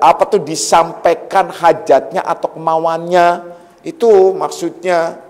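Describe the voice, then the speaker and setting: A middle-aged man giving a conversational religious lecture as a spiritual teacher, relaxed and joking, telling personal anecdotes. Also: high voice. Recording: long reverb of a hall.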